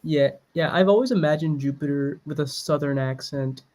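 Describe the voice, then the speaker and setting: A woman's voice: low-pitched, moderate pace, darkish tone. A woman giving casual, sarcastic, exasperated reaction commentary while watching a video.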